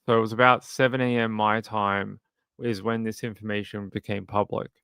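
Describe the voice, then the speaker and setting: An Australian man talks casually as a livestream host. His voice has a creaky edge yet stays clean and resonant, recorded close and dry. He comments with sarcastic, skeptical deadpan. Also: fairly low pitch, normal speed, dry recording. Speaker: livestream host of a true crime channel. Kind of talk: casual news commentary, reading and answering live chat.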